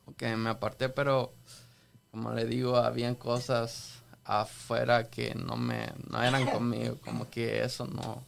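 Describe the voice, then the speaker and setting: A man from El Salvador telling his faith story on a church podcast, halting and earnest, full of restarts. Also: medium pitch, level tone, creaky, a little hiss or hum. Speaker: podcast guest sharing testimony. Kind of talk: casual church podcast talk.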